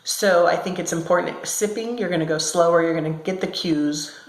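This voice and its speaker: A woman's voice: lowish voice, normal speed. A woman chatting casually to her viewers from a small room at her workplace, with an echoey room sound and many ums and self-corrections. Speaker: vlogger. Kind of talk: casual talk to camera.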